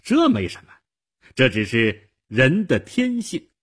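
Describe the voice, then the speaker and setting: A man voicing a shrewd, calm middle-aged police detective who explains things in a knowing, matter-of-fact way. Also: mid-range voice, a little slow, slightly rough, pitched above the performer's own voice, exaggerated voice. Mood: explaining.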